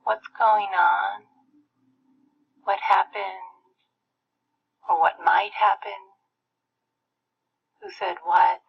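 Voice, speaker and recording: A woman guides a meditation in a soft, breathy voice that often thins toward a whisper, with some creak in it. She leaves gentle pauses between phrases. The recording is muffled and lo-fi. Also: mid-range voice. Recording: muffled lo-fi playback.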